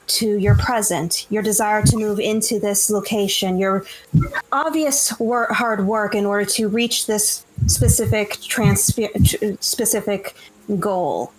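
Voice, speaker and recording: A calm elven fortune-teller played by a woman reads the cards in a slow, measured, theatrical voice. She sounds steady and reassuring. This is a tabletop game character. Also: medium pitch, low-quality recording.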